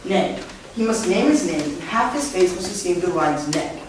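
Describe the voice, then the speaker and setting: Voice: mid-range voice, lively intonation, moderate pace, background noise, lightly acted. A performer playing a bossy, self-important amateur actor who fusses over a play, speaking on stage. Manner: bossy, fussy. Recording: echoey hall from far off.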